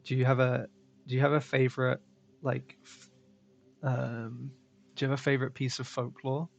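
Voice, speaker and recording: A young man hosting a casual stream chat, rambling and relaxed, with lots of fillers and laughs. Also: medium pitch, normal speed, creaky, dull audio. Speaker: stream host.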